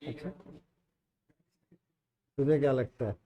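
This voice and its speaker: A man's voice: mid-range voice, takes it slowly, warm tone, a little hiss or hum. A man teaching a math class, coaxing and teasing students by name to check they understand. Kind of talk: classroom teaching, mixing Hindi and English. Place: classroom with online students joining.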